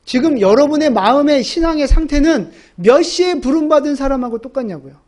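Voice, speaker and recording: A woman's voice: high voice, expressive, fairly quick, a little mellow. A woman pastor preaching a sermon, emphatic and asking the congregation rhetorical questions.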